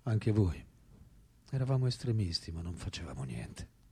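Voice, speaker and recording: In a radio drama, a male actor gives a full character voice to an elderly French philosopher who is reflective and unrepentant. His low, dark voice is very animated and emphatic, measured in pace yet often sinking to a breathy whisper.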